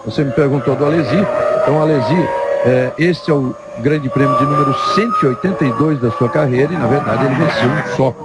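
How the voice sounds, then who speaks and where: A man's voice: medium pitch, fairly quick. A man with a Brazilian accent giving live motorsport commentary as the analyst, explaining in a hesitant way. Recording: very loud engine noise behind voice.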